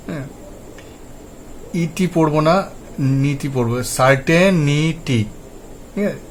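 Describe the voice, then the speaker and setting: A man teaching English pronunciation and word meanings, patiently repeating words for practice in a slow drill. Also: medium pitch, slight background noise, rough recording. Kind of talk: Bengali-language lesson, spoken explanation.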